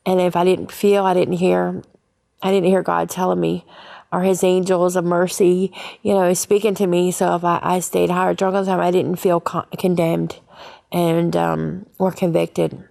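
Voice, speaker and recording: A woman candidly telling her life story in a personal testimony interview, halting and restarting often. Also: lowish voice, flat delivery, creaky, warm tone.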